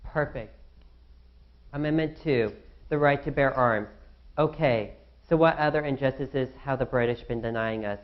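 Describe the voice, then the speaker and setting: A man's voice: medium pitch, moderate pace, dull audio, close to an everyday voice. A young man playing an anxious founding father in a student skit, fretting aloud to himself. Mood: worried musing. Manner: fretful, talks to himself.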